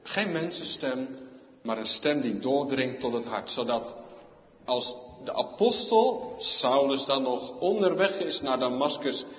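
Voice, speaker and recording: Male pastor preaching real slow, big reverb church hall, bit muffled lo-fi sound. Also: mid-range voice, lively intonation. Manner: slow, solemn preaching with sudden loud emphatic outbursts. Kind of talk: sermon.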